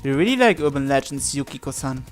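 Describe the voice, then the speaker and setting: A gaming host reads a visual novel aloud, acting out the text dramatically and tossing in his own asides. He has a medium-pitched voice with lively intonation and talks fast, while game music plays behind him.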